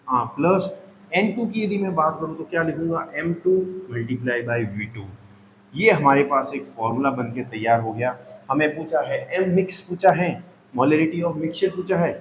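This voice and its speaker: A man teaching a chemistry lesson, talking through each step aloud and repeating himself as he explains. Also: fairly high pitch. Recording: echoey room with faint noise.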